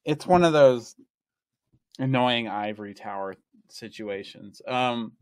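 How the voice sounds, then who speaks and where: A man speaks slowly and deliberately as he explains scripture in a relaxed talk. His pitch sits in the middle range and his pacing is measured. The recording is dry and close. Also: clean tone, dry recording. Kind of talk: casual theology discussion.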